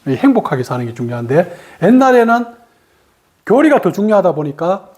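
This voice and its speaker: Her voice sits on the low side, a little mellow, swinging widely in pitch at a normal speed. This woman, a meditation teacher from Gyeongsang in Korea, asks herself rhetorical questions during her talk, answers them, and laughs between points.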